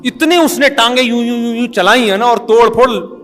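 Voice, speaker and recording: Middle-aged man, high pitched voice, amused chuckling storyteller, casual talk. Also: moderate pace, a bit bright, soft background music. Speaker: father telling a family story. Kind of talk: humorous anecdotal talk.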